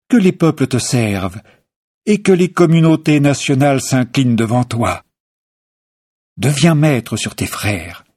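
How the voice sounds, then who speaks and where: A man voicing an elderly blind father giving a blessing, in a measured, solemn manner. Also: medium pitch, darkish tone, slightly rough, no echo, studio quality, pitched above the performer's own voice.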